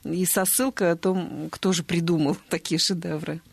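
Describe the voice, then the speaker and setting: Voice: medium pitch, steady tone, creaky, breathy edge, no echo. Radio host reading listener questions. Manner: brisk, reads out listener questions. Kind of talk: hosting a call-in show. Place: radio studio.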